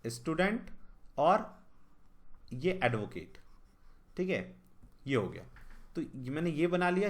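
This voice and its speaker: A man teaching exam reasoning questions, often asking the students whether they follow and reading the English question text slowly. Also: on the high side. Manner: spells out letters one by one while writing. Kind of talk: explaining reasoning questions at a board.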